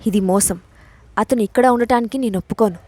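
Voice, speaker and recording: A woman's voice: a little high, brisk, mellow, no room sound, lightly acted. A woman reading the part of an arrogant, scheming older woman in an audio story, speaking angrily and boastfully. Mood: furious. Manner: angry, boastful.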